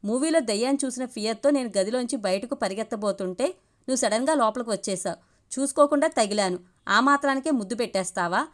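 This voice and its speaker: A woman doing a fiery young woman's voice in a storybook reading, pitched a bit high, scolding and sharp-tongued. She snaps out indignant lines, tense and bright. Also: fast talker, close to an everyday voice.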